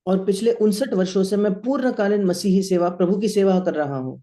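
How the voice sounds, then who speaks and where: High, mellow male interpreter. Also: fairly quick. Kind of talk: sermon interpretation.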